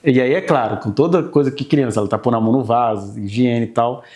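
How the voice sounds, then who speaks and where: A man's voice: mid-range voice, fast talker, a little mellow. A man preaching in a conversational, explanatory way to a church group, often checking in with the audience through tag questions. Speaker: preacher teaching a church class. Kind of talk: conversational sermon lecture. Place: church gathering.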